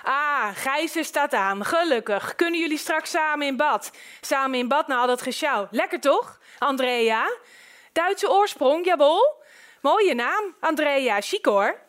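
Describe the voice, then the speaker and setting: Woman doing a big, jovial, pushy male neighbor for an audiobook: high, loud, overfamiliar. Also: lively intonation, a little slow. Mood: hearty. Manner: boisterous, overfamiliar, hearty.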